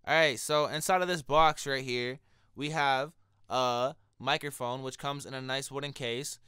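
In a casual product review vlog, a young man who has a cold talks to his viewers in a relaxed, chatty way while testing a microphone in a small home studio. His higher-pitched voice is smooth and a little slow, captured dry on a studio condenser mic on a stand in front of him.

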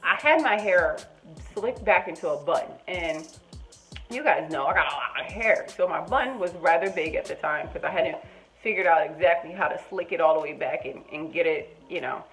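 Animated woman telling a storytime tale. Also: on the low side, moderate pace, soft background music. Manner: animated, acts out both sides with voices. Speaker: storytime vlogger. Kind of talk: casual storytelling.

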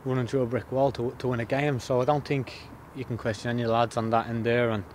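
Fast-talking footballer after a match. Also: male voice, mid-range voice, flat delivery, slight background noise. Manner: plain-spoken, repeats words as he thinks. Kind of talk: post-match interview. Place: outdoors by a stadium pitch.

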